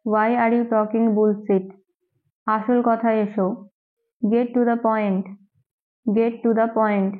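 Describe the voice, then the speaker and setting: A woman English teacher, a native Bengali speaker, reading daily phrases and repeating each one twice, very slowly. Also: a little high. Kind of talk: slow drill reading of phrases. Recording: tinny phone-like recording.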